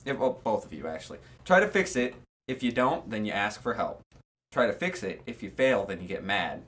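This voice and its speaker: A man's voice: lowish voice, very animated, brisk, fairly bright tone. A man co-hosting a podcast, reading quiz questions aloud and adding sarcastic asides in casual chat.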